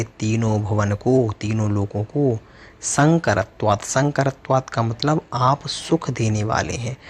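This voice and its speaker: Man slowly explaining sacred verses. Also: medium pitch, slight background noise. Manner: chants verses slowly, then explains with rhetorical questions. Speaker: Jain teacher. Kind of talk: scripture recitation and explanation.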